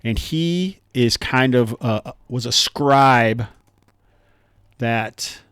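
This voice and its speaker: A man's voice: medium pitch, extremely slow, fairly bright tone, clean tone, no echo, clean studio sound. A man running a live tabletop game as game master, explaining rules in a chatty way with lots of fillers.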